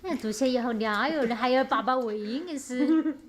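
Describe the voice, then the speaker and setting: A woman's voice: high-pitched, normal speed. A woman with a Sichuan-Chongqing accent chatting casually with her family, as in a home vlog. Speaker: family vlog host, mother. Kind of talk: casual family chat over a meal. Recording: noisy family chatter around the voice.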